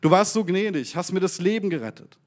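A man's voice: high voice, lively intonation, fairly quick, pitched above the performer's own voice. A man voicing an anxious grown man who pleads earnestly, read aloud in a sermon. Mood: begging.

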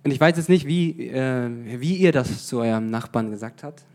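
A man delivers an informal sermon in a loose, conversational style, often pausing on fillers and restarting sentences. He puts questions to his listeners and drops in the occasional English phrase, speaking at an ordinary middle pitch with a slightly mellow tone.

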